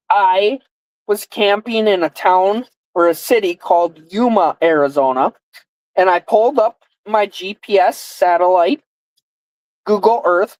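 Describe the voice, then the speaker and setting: A woman's voice: mid-range voice, darkish tone, dry recording, rough recording. A woman in her twenties hosting a casual live guessing game, with slurred, lisping speech from a mouth guard. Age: 20s. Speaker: live stream host.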